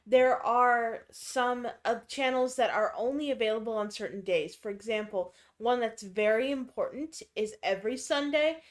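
A woman's voice: a little high, moderate pace, few pauses. A woman co-hosting casual game commentary, correcting and explaining tips in detail. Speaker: co-host giving game tips.

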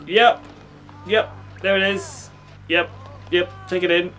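A man in his thirties hosts a casual video game playthrough in a slightly high voice. He is animated and jokey, chatting at the characters on screen, with game music clearly audible behind him. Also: takes it slowly, low-quality recording. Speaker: gaming video host.

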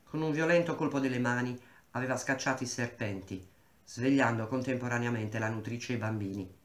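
A man reading a novel aloud in a measured, unhurried way. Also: medium pitch, fairly bright tone, roomy sound. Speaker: reader.

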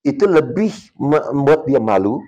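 Lively man telling a story. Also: medium pitch, normal speed, lo-fi sound. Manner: animated storyteller acting out quoted voices; mixes English words into speech. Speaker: martial arts coach, podcast guest. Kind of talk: casual podcast talk.

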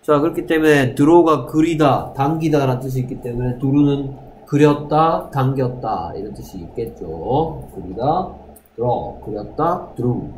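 A man's voice: mid-range voice, slight background noise. A male English teacher who runs a class lesson, drilling words aloud and putting questions to his students.

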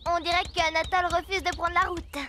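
A woman's voice: very high voice, flat delivery, fairly quick, background noise. A woman voicing a cheerful, encouraging young girl in a cartoon dub. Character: cheerful young girl, leader of animal friends.

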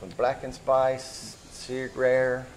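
A man's voice: mid-range voice, little pitch movement, very slow, a little hiss or hum, low-quality recording. A man, a restaurant chef, explaining his dishes on camera in a plain, matter-of-fact way, listing ingredients. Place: restaurant dining table.

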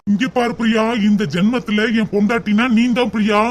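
A devoted, soft-hearted young man from a cartoon short, voiced by a man, gently reassuring in a voice pitched very high for a man. A faint noise sits under his lines. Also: level tone, brisk, lightly acted. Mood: earnest. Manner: tender, reassuring.

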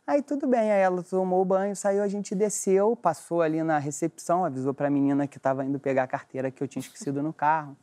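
A man's voice: on the high side, fast talker, few pauses, warm tone. A young man casually telling a comic story to a TV studio audience, acting out the dialogue and swearing freely.

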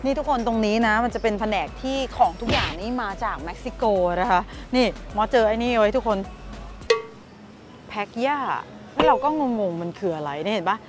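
With a mid-range voice at normal speed, a woman in her thirties casually vlogs a supermarket trip and a food tasting in her parked car. She's chatty and excitable, addressing viewers directly through a handheld phone camera at arm's length, with music playing beneath the video.

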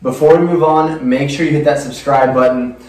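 A man's voice: on the high side, steady tone, brisk, darkish tone. A young man casually presenting to camera as the host of a food challenge show. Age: young adult. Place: small indoor room, seated at table. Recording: echoey room, distant microphone.

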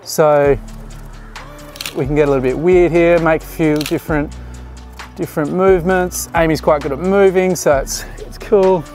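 Soft music sits under a slightly high, darkish male voice that keeps a steady tone and moderate pace. He's a photographer in his thirties on a beach jetty, casually explaining shots and guiding a model in behind-the-scenes commentary.

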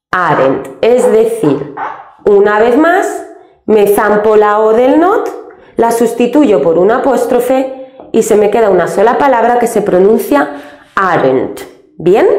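A woman from Spain teaching English grammar step by step, slowly and patiently spelling out each example. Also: mid-range voice, a little mellow, echoey room. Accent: Spain Spanish.

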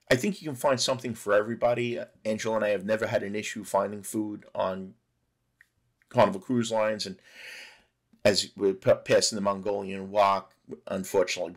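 Man narrating a relaxed ship tour. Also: lowish voice. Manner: relaxed conversational narration with fillers. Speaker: travel vlogger.

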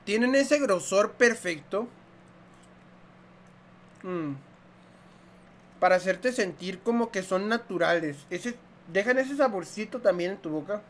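A man's voice: sits high, expressive, takes it slowly, pauses often, a little hiss or hum. A young man with a Mexican accent, reviewing food on his vlog in a joking, profane, slangy way and chewing between lines. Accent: Mexican Spanish. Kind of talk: casual eating review vlog.

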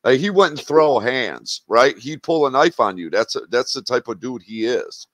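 A man's voice: medium pitch, expressive, normal speed, a bit bright, no echo. A man hosting a casual livestream chat, talking in a blunt, profane and mocking way. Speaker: livestream host.

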